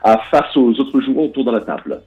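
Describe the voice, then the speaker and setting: Speaking French in an interview, this board game publisher from Britain has a British English accent and keeps restarting and filling pauses. His medium-pitched voice has a sing-song lilt and moves a little quickly. The recording sounds dull and lo-fi.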